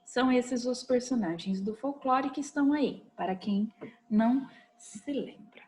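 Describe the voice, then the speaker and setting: A Brazilian primary school teacher with a Brazilian Portuguese accent records an online class for young children. Her voice sits on the high side with a darkish tone and a slightly slow pace, and she's patient and coaxing, checking in often with short questions.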